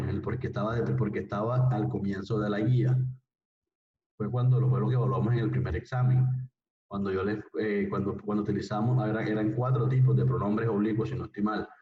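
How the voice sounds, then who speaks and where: A man teaching a language class, patiently repeating phrases and often checking that his students follow. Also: on the low side. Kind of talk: classroom lesson. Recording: distant, roomy, dull sound.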